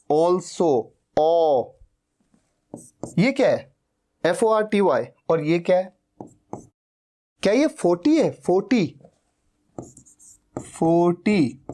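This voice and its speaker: Male spoken-English teacher, unhurried, lively pitch, repeats each word many times. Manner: drills words slowly, repeating them. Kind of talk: pronunciation lesson.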